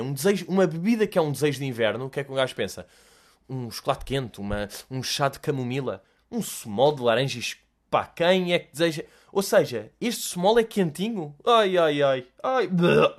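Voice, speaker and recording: Joking young Portuguese man, slangy chat. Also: on the high side. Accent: European Portuguese. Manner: animated and joking, with lots of slang and swearing. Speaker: podcast host answering listener questions. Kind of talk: casual solo chat.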